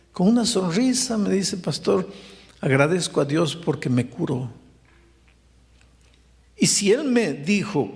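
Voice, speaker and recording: A pastor telling a story in a sermon, rising to impassioned pleading. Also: male voice, on the high side, gravelly. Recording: long hall reverb.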